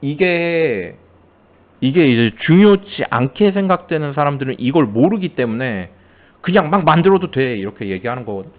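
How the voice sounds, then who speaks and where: A man's voice: fairly high pitch, animated, normal speed. A man giving a casual classroom lecture, telling stories and acting out coworkers' lines with lots of animation. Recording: tinny phone-like sound.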